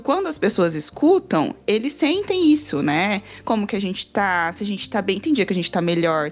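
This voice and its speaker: Animated woman telling stories on a podcast. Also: medium pitch, dull audio. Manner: animated storytelling, acts out quoted dialogue, laughs easily. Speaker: psychologist and podcast host guest. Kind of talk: casual podcast conversation.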